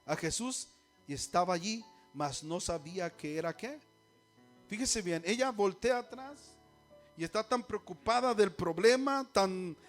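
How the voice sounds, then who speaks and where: A male preacher giving a sermon, often asking the congregation questions and letting them finish his lines, then building up to louder, more urgent appeals. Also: high voice. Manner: call-and-response questions to the congregation; grows louder and more urgent toward the end. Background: faint music.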